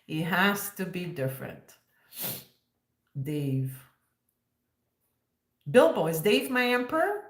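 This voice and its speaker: A woman's voice: mid-range voice, reverberant. Joking, laughing woman in her fifties. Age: 50s. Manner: joking, sarcastic, laughs often. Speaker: livestream host. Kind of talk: casual livestream chat.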